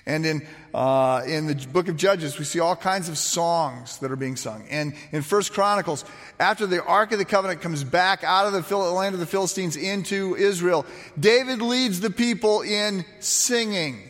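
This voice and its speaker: A man preaches at a moderate pace in a big, echoey hall, spinning his points into animated stories with frequent fillers and false starts. His voice sits a touch high for a man and goes raspy whenever he lowers it.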